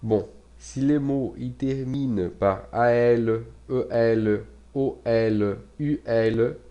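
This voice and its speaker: A Brazilian man who speaks Portuguese natively gives a casual language lesson in French. His voice is dark and mellow. He moves at an unhurried, halting pace, full of fillers and restarts. He repeats and spells out words with keyboard typing in the background. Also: mid-range voice, highs cut off. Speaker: Portuguese teacher.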